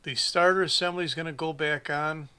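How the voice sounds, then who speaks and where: This man's voice sits a little high, with a steady, brisk delivery and a sharp, clean tone. He's a small engine shop mechanic in his forties, narrating a chainsaw fix at his bench in plain words with dry humor while thinking aloud.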